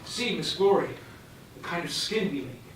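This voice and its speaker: A man's voice: on the high side, animated, fairly bright tone. A man playing a smug robot factory director. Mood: proud. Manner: proud, brisk, matter-of-fact. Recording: echoey room from far off with noise.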